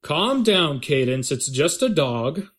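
A man's voice: on the high side, very animated, takes it slowly, slightly rough, exaggerated voice. A man playing a fussy, hesitant dad. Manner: hesitant, with many uhs. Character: cautious, fussy family dad. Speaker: father.

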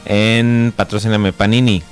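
A man's voice: on the low side, little pitch movement, a little slow, soft background music. A man chatting eagerly and casually about things he is a fan of. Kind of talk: casual chat.

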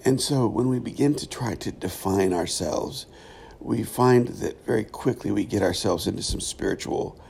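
A middle-aged man with a gravelly voice giving a reflective solo podcast monologue, thoughtful and halting, with frequent pauses. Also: lowish voice, darkish tone. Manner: thoughtful, halting, pausing often. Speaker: podcast host, former pastor.

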